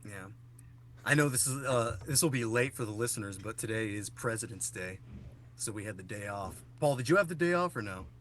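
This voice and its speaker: Bright-voiced rambling podcast host man. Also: fairly low pitch, lively intonation, brisk, a little hiss or hum. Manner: rambling storyteller, many fillers. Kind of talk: casual chat.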